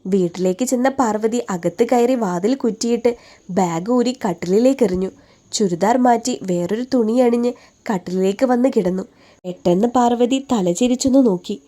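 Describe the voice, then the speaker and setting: A woman narrating a romantic audio novel in an even, measured storytelling way. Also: medium pitch.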